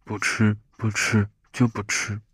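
Guy doing a grumpy lovesick gray bunny, breathy low storybook voice. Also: a little slow, dry recording, clean studio sound, exaggerated voice. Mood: sulky. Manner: grumbling, petulant. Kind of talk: soft audio storybook reading.

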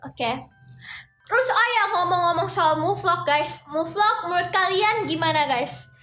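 Young woman streamer, very high and bright, unhurried, sing-song greetings, echoey room with faint music. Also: animated. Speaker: livestream host. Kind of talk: casual livestream chat.

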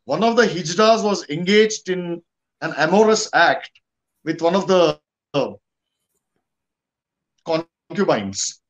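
A man with an Indian accent talking conversationally about history and politics as a guest, pausing and repeating himself for emphasis. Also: high-pitched, animated, low-quality recording. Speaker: guest commentator.

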